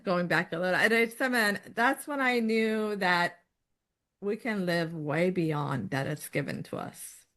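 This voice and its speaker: A middle-aged woman from Iran, a guest in an interview, talking in a lively way and often laughing as she tells her story. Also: fairly low pitch, unhurried. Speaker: podcast guest. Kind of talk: conversational interview.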